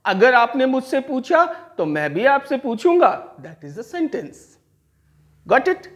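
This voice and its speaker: A man's voice: very high-pitched, very animated, slow, highs cut off. A man teaching a grammar lesson. He explains step by step, asks his own questions and answers them, and stretches out key terms. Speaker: English teacher.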